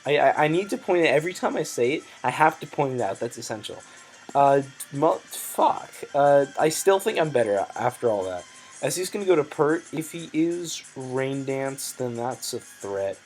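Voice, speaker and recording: A man's voice: mid-range voice, expressive, normal speed, faint music behind, low-quality recording. A man giving hesitant, thinking-aloud commentary over his competitive game, with frequent ums and self-corrections, and his voice sometimes cracks.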